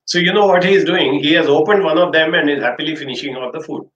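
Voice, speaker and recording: A man's voice: a little high, fast, a bit bright, dull audio. Older Indian-accented man lecturing, echoey room. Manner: acts out dialogue in anecdotes. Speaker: trainer giving an online class. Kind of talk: illustrative storytelling lecture. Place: small indoor office. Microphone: webcam livestream from desk distance. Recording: roomy echo with background noise.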